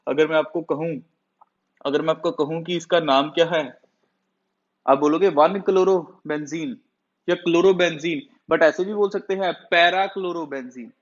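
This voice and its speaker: High-voiced man teaching chemistry. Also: moderate pace. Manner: asks the class questions and answers them himself. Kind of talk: classroom lecture. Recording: dull lo-fi sound.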